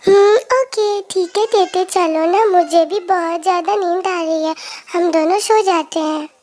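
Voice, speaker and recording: A woman's voice: extremely high pitch, unhurried, darkish tone. A young woman voicing a childlike, clingy young man who talks about himself in the third person. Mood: pleading. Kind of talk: fan-fiction story voice acting.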